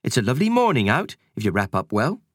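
A man's voice: mid-range voice, huge pitch swings, dry recording, studio quality, pitched above the performer's own voice. A man doing a fussing middle-aged charwoman. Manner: brisk, fussing, easily affronted. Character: rosy, bustling middle-aged cleaning woman, good-humoured.

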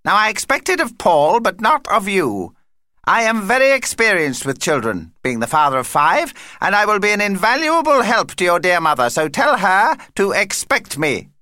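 Man voicing Vlad the Drac, shrill excitable vampire. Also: normal speed, dry recording, studio quality, heavily acted. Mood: self-important. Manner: imperious, indignant, theatrical. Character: excitable, bossy, self-important male vampire.

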